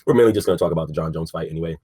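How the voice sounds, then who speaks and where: A man's voice: low-pitched, racing, warm tone, husky. A young man co-hosting a casual sports podcast, laid-back, filling his talk with "like" and "um" and swearing casually. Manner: laid-back, says 'like' and 'um' a lot, swears casually. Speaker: podcast co-host.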